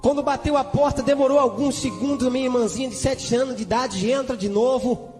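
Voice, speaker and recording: A man's voice: very high-pitched, steady tone, fairly quick, darkish tone, in a large hall, soft background music. A Brazilian man preaching a testimony with fervent emotion, punctuating it with hallelujahs and speaking in tongues. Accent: Brazilian Portuguese. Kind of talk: church testimony.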